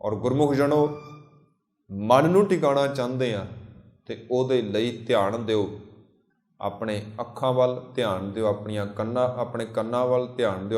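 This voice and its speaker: A man giving a Sikh sermon, slowly chanting scripture lines between plain explanations and repeating phrases in lists. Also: mid-range voice, a little mellow, reverberant. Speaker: Sikh preacher.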